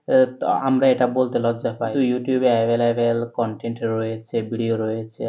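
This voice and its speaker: A man in a step-by-step recitation lesson spells out letters and vowel marks one at a time. His delivery stays level and unhurried, with little rise or fall. The sound is thin and boxy, as if through a phone. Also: medium pitch, phone-quality sound. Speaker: Quran reading teacher.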